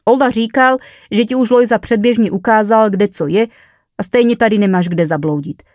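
A woman's voice: medium pitch, darkish tone, no room sound, clean studio sound, voice pushed up, close to an everyday voice. A woman voicing a grumpy young male coworker in a hurry to leave, who speaks in a curt, dismissive way.

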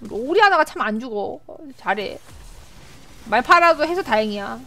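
A young woman streaming a game live, chatting with viewers, often repeating words in rapid excited bursts. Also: on the high side. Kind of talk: live gameplay commentary.

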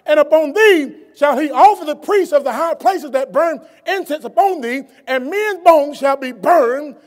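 A middle-aged male guest preacher with a high, bright voice, delivering a sermon from a lectern in a college chapel. He drops to calm teaching, then climbs into shouted emphasis, stumbling and restarting as he goes. The big room adds a long, ringing reverb. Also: measured pace. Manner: swings from quiet explanation to shouted emphasis; stumbles and restarts often when speaking off the cuff. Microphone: lectern microphone, wide camera.

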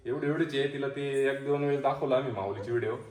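A man's voice: mid-range voice, racing, slight background noise. A father at home chatting casually and teasingly with his toddler during a family vlog. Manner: teasing, relaxed talk to a toddler.

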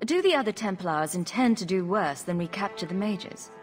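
An actress playing a sarcastic, confident adventurer heroine in a video game, with a dry, teasing manner. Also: female voice, mid-range voice, animated, normal speed, husky, soft background music. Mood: questioning.

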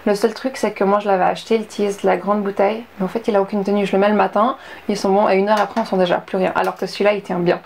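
A young woman from Switzerland talks through her finished beauty products in a relaxed, rambling vlog style. Her mid-pitched voice carries a little fry, and the recording has a faint hiss of background noise. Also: quick pace. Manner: chatty, many fillers and asides. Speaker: beauty vlogger. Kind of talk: casual product review vlog.

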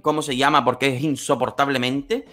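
A man hosting a casual chat, animated and joking with some swearing. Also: mid-range voice, a little fast. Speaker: host.

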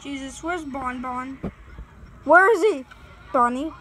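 A woman's voice: high-pitched, slow pace, bright, forceful tone, slight background noise, poor audio. A woman giving nervous let's play commentary, sounding scared and pleading with her fans. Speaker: gaming channel host.

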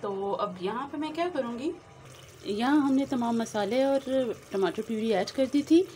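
Her voice is on the high side, a touch slow, and dark in tone as she explains a recipe stage by stage for her cooking channel. Warm and chatty, she speaks straight to viewers and mixes in some English. The clip was captured on a phone in a home kitchen, noisy with the sizzle of frying.

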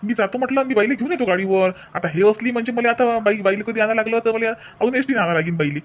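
Fast-talking and high-set, this man's voice sounds close to everyday speech, with its highs cut off. He plays a bossy village husband and brother in an exaggerated cartoon family comedy, brusque, repetitive and dismissive, in a Vidarbha Marathi accent.

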